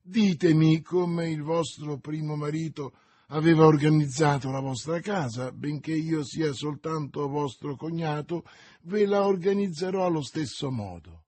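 A cold, contemptuous baron, sneering and menacing his captive , played by a male audiobook reader. He speaks slowly and deliberately in a husky voice. The recording is close and dry. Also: on the high side, darkish tone, no echo.

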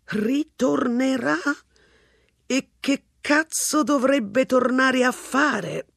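An audiobook reader voicing an exasperated, sarcastic middle-aged lawyer husband with a dry, drawn-out delivery. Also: mid-range voice, lively intonation, husky, dry recording, full character voice.

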